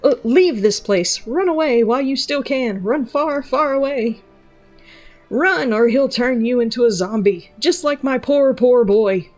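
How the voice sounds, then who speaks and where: A woman's voice: a little high, a little slow, a little mellow, faint music behind, pitched above the performer's own voice, lightly acted. A woman reading aloud as a grieving mother in a game, with old-fashioned speech full of "aye" and "ye". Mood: fearful, pleading.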